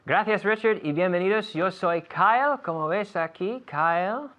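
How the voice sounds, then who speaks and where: A man's voice: sits high, unhurried, faint music behind. A man from Canada co-hosting an English lesson in a casual classroom chat, friendly, with small restarts. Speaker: co-host English teacher. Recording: dull lo-fi recording.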